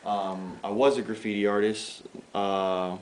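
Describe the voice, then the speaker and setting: A man's voice: lowish voice, fairly even intonation, measured pace, roomy sound, low-quality recording. Man in his thirties, rambling with fillers. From the Bronx, New York. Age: 30s. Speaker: graffiti artist. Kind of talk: casual interview. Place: outdoors.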